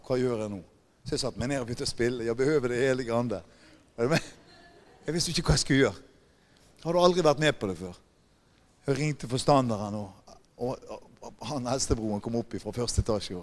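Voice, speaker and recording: A man preaching a sermon, emphatic and often putting questions to the congregation. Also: medium pitch. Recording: long hall reverb.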